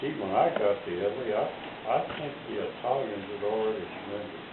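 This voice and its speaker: An old man, a war veteran in his eighties or older, reminiscing in a folksy, halting way with homespun grammar. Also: fairly low pitch, reverberant. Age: elderly, 80s or older. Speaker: war veteran being interviewed. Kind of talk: reminiscing in casual conversation. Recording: hissy, boxy, phone-like home recording.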